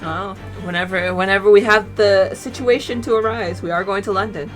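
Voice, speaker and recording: A woman's voice: medium pitch, steady tone, normal speed, faint music behind, poor audio. A woman chatting casually with friends during a game stream, teasing and giggling. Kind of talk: casual chat.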